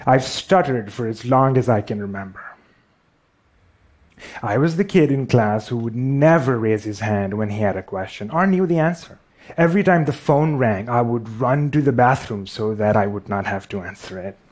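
A man's voice: medium pitch, expressive, normal speed, darkish tone. A man with a Pakistani accent giving a storytelling talk on stage, wry and self-deprecating.

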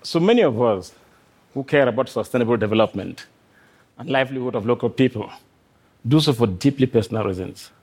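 Man from cameroon, middle-aged scientist, earnest measured stage talk, short phrases. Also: medium pitch, expressive, darkish tone, a little hiss or hum. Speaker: biodiversity scientist speaker. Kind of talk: prepared talk to a live audience.

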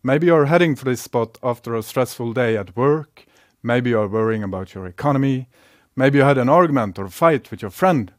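A man with a Norwegian accent speaks in a calm, reflective way, pacing his prepared talk with measured pauses. His voice sits at an ordinary middle pitch. The sound is close and dry, with no room around it. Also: no room sound. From Norway.

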